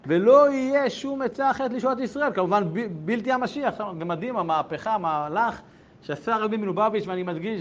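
Male teacher, high voice, lively rhetorical style with quiet asides and loud bursts, slightly dull recording. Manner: animated, rhetorical questions, swings between hushed asides and loud bursts. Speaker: rabbi teaching a class. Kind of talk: Torah lesson to a group.

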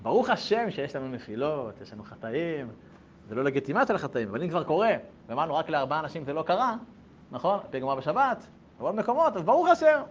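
A man teaching a Torah lesson, reading passages aloud and explaining them with loud, emphatic exclamations. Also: fairly high pitch, big pitch swings. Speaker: rabbi teaching a class. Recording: dull lo-fi sound with faint background noise.

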